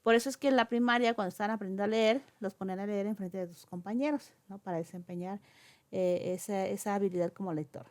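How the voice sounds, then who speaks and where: A woman's voice: medium pitch, steady tone, quick pace. A woman lecturing on oral communication, explaining step by step with frequent fillers and checking questions. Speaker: teacher.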